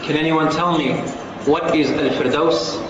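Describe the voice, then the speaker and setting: A man whose voice sits slightly high for a male preaches an Islamic sermon to a live congregation, solemn and emphatic, with deliberate pauses and fairly even intonation. The recording is muffled and heavily reverberant, as in a large echoing hall, with clear background noise.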